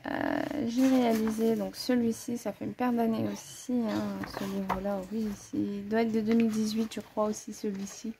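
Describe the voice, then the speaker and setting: Mellow-voiced woman chatting about her collection. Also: mid-range voice, little pitch movement, moderate pace, vocal fry, hardly any pauses, a little hiss or hum. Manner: chatty, thinks aloud, corrects herself mid-sentence; frequent hesitations and "voilà" fillers. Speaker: coloring-book hobbyist presenting her collection. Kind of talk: casual show-and-tell chat to camera.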